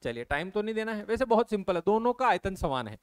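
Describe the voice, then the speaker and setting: Man teaching maths, smooth voice. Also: high voice, sing-song, fast talker. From India. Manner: explains step by step, keeps asking the viewers questions and answering them. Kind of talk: exam-prep maths lesson.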